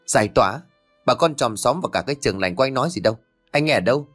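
A man's voice: medium pitch, lively intonation, very fast, a bit bright, slightly rough, soft background music. A man reading an audiobook, playing an outspoken young woman who rebukes her cousin heatedly. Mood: indignant. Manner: rebuking, heated, tearful pleading.

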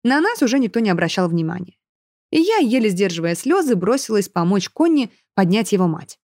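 A woman reading a fairy-tale story aloud in first person, expressive, on a close mic. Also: medium pitch, fairly quick, dry recording. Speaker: audiobook reader.

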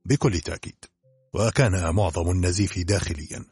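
A man's voice: low voice, a little fast, a little mellow, breathy edge, no room sound, soft background music. An actor playing a curt, self-assured older male doctor in an audiobook drama.

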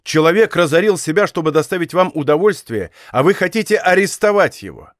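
A man reading a bold, calm musketeer captain in an audiobook, speaking with dry irony. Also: fairly high pitch, fairly quick, no room sound, pitched above the performer's own voice, natural voice. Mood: ironic.

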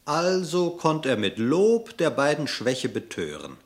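A male narrator with a slightly high voice tells a verse tale for a radio play, his storytelling measured, expressive, and dramatic.

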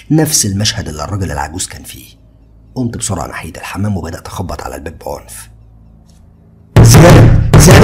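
Fast gravelly deep-voiced male storyteller. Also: a little hiss or hum. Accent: Egyptian Arabic. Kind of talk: first-person horror story narration.

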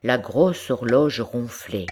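A woman reading a classic story aloud as an audiobook narrator, in a measured, descriptive way. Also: extremely low pitch, animated, darkish tone, slight background noise. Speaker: audiobook reader. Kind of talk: scripted narration.

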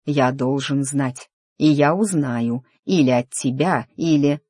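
A reader voicing a tense, stubborn young nobleman in an audiobook, speaking slowly and with restraint. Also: medium pitch, a little mellow, breathy edge, dry recording, clean studio sound. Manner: restrained, clipped, slow. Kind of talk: audiobook character dialogue.

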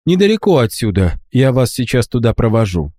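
A man's voice: medium pitch, big pitch swings, brisk, warm tone, no echo, studio quality, voice pushed up. A man voicing a cheeky, cold-blooded young street boy with a mocking, calculating manner, in an audiobook. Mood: cocky. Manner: cocky, mocking, coolly calculating.

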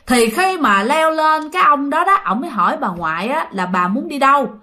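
A woman's voice: high-pitched, lively intonation, moderate pace, sharp tone. A woman with a Southern Vietnamese accent telling a ghost story in casual spoken style, often turning to address her listeners. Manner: chatty, addresses listeners directly.

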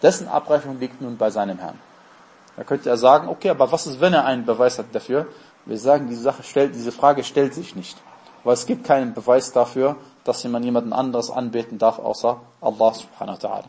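A man's voice: medium pitch, a little fast, darkish tone. A man giving a religious lesson, explaining terms step by step and answering his own questions. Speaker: Islamic teacher.

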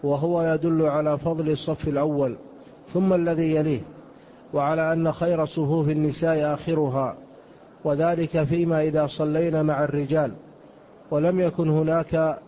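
A man reading a religious text aloud in a lesson, in a steady, formal way. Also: a little high, moderate pace, a little hiss or hum. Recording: muffled lo-fi lecture recording.

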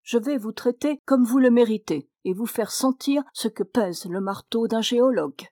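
A tiny hunchbacked old gnome geologist, as a woman reader puts him on, pedantic and quick to anger, rattling off fossil names in a storybook reading. His voice sits a little higher than the narrator's own, recorded dry and close. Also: dark tone, no room sound, lightly acted. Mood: furious. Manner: fussy, pedantic listing of Latin names.

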